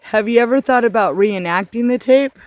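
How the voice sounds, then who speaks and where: High-voiced man asking deadpan questions. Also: a little fast, no echo. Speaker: interviewer. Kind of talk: mock-documentary interview.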